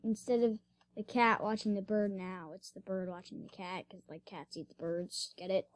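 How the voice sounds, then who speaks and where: A woman's voice: medium pitch, moderate pace. A woman doing casual reaction commentary, giggling and retelling each clip in a rambling way. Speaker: reaction vlogger.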